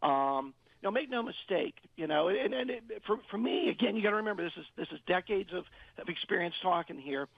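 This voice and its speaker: A man's voice: sits high, expressive, a little fast, creaky, no room sound, lo-fi sound. A middle-aged man explaining things as a financial advisor in a radio interview, often repeating words as he searches for phrasing.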